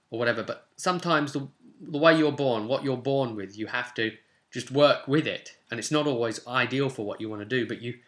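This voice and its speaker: This time the tabletop roleplay host, a man in his twenties, sounds bright and forceful in a mid-range voice. He talks casually and thinks out loud as he explains the game to viewers while rolling a character. The recording, made indoors in a small home room, carries roomy echo plus hiss and clicks.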